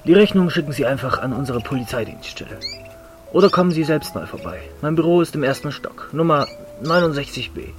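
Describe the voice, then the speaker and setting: A man's voice: fairly high pitch, animated, brisk, faint music behind, close to an everyday voice. A man playing a cocky, bumbling police detective in a comedic audio drama. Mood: cocky, dry.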